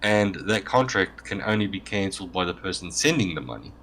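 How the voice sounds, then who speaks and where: A man's voice: sits low, animated, brisk, a bit bright, slight background noise. A man guest in a casual interview, talking at length in a loose, joking way with frequent restarts. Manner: rambling, joking, self-correcting.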